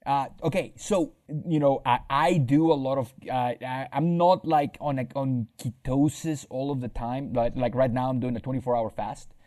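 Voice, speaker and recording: Young man, podcast host, mellow voice, easygoing chat. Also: medium pitch, moderate pace, hardly any pauses. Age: young adult. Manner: relaxed, conversational, repeats words. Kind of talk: casual interview talk.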